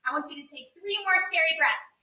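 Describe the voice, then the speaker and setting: A woman with a very high, bright voice speaks in the manner of a kindergarten teacher. She gives small children simple, encouraging instructions. The sound is roomy, picked up from a few steps away. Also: brisk. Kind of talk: kindergarten teacher talk, guiding young children through story yoga. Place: indoor yoga studio room. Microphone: camera mic a few metres away. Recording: roomy, distant camera microphone.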